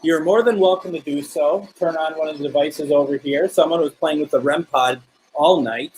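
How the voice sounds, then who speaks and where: A man's voice: a little high, normal speed, a little mellow, slightly rough, rough recording. A man hosting a live paranormal session, chatting casually and putting questions to spirits and viewers. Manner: conversational, addressing unseen listeners with questions. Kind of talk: casual live-stream chat, calling out to spirits.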